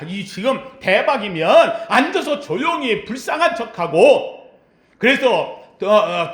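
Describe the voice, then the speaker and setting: A male pastor preaching a sermon with passion, sometimes shouting to stress his point. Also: high-pitched, reverberant. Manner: impassioned preaching, shouting out the pleas of the blind beggar.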